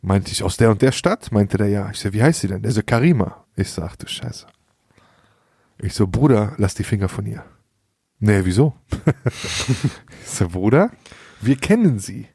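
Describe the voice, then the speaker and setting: A man's voice: fairly low pitch, animated, a little fast, gravelly, mellow, breathy edge, no room sound, studio quality. A young man telling a story in casual slangy chat, often laughing and acting out quoted lines. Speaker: podcast host.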